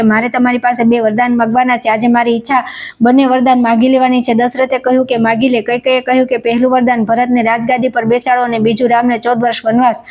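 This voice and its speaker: A woman with a Gujarati accent reciting a devotional scripture story in steady, even recitation. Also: fairly high pitch. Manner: steady recitation, even delivery, quoted dialogue read without acting.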